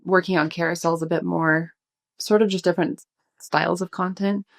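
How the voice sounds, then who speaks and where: A woman's voice: lowish voice, normal speed, gravelly. A young woman, a food blogger, answering interview questions in casual chat, a little out of breath. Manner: relaxed, thoughtful, many fillers. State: slightly out of breath.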